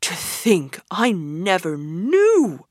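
A woman voicing a boastful male toad, dreamy and car-struck, with slow breathy whispers that swell into excited exclaims. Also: on the high side, no room sound, studio quality.

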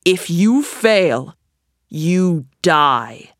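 An old sultan gives orders slowly and forcefully, loud and stern, as a woman reader puts him on. The sound is dry and close. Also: fairly low pitch, big pitch swings, dry recording, heavily acted. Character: angry commanding old male sultan.

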